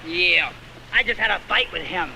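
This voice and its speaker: A goofy, scheming American sidekick in an old film comedy. His voice is extremely high and piercing, swooping wildly, on a noisy soundtrack. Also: lively intonation, moderate pace, vocal fry, pushed and bright, full character voice.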